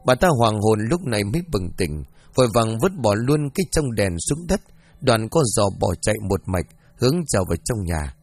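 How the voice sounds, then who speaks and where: A man's voice: fairly low pitch, big pitch swings, moderate pace. A man narrating a ghost story with dramatic, storytelling delivery.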